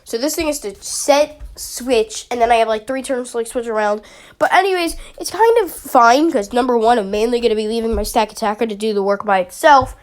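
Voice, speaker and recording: Sniffly with a summer cold, a young YouTuber talks fairly quickly in a somewhat high, stuffy voice. She breaks down her draft league team in loose, chatty gamer commentary, rambling along with plenty of fillers.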